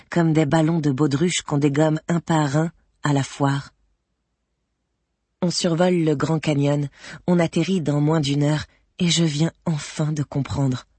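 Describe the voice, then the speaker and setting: A woman's voice: deep voice, a little mellow, slightly rough, no room sound. A woman reading a first-person novel aloud in an intimate, introspective and wry manner. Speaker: audiobook narrator.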